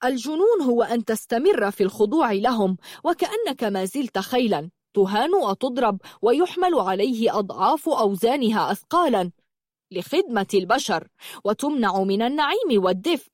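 A man's voice: very high-pitched, sing-song, fairly quick, no echo, clean studio sound, exaggerated voice. A woman voicing a sneering, arrogant young man. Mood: contemptuous. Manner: sneering, mocking. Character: arrogant mocking young man, once a horse.

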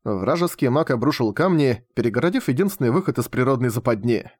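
A man narrating an audiobook with expressive storytelling. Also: medium pitch, quick pace, no echo. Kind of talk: scripted narration.

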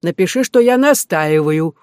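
A man reading the part of a lonely, humorous old widowed uncle in an audiobook, in a reminiscing, gently teasing manner. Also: high voice, lively intonation, moderate pace, clear, resonant tone, no room sound, clean studio sound.

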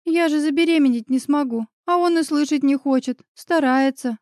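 A lively, caring young woman friend, voiced by a woman reading an audiobook. She talks briskly and decisively in a high, bright register, and the sound is dry and close. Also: dry recording, natural voice. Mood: sad. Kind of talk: audiobook character voice.

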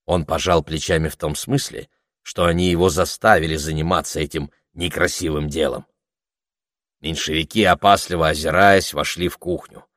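A man narrating an audiobook in a calm, even storytelling manner. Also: a bass voice, normal speed, dry recording, studio quality. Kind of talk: scripted narration.

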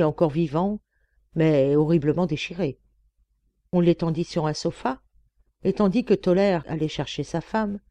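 A woman reading an audiobook in steady, measured narration. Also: on the low side, no room sound. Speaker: audiobook reader. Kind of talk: scripted narration.

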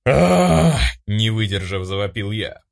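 A man narrating a first-person audiobook, expressive and acting out his own lines. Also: on the low side, moderate pace.

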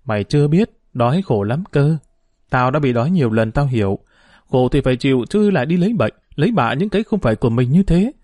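A man's voice: medium pitch, expressive, quick pace, darkish tone, no echo, clean studio sound, natural voice. A man voicing an earnest, principled poor boy in an audiobook, talking in an advising way.

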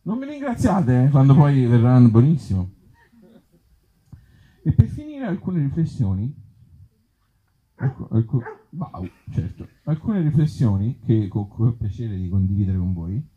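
A Tuscan-accented man, an author and actor, performs live at an outdoor festival, reading absurd comic pieces and chatting casually with the audience in a wry, self-mocking manner full of hesitant asides. His voice is medium in pitch and very animated, delivered a little slowly with long pauses. The live recording sounds muffled and dull.

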